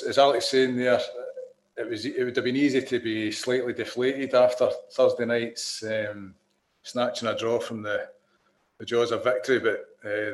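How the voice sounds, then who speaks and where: A man, a regular podcast panelist, talking in a dry, measured way. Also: mid-range voice, reverberant. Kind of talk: casual chat.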